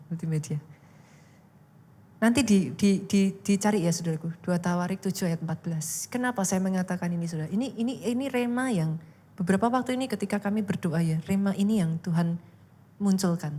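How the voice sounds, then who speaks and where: A woman pastor preaching an animated sermon, rising into loud exhortation, in a church. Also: lowish voice. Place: church hall. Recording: echoey church hall.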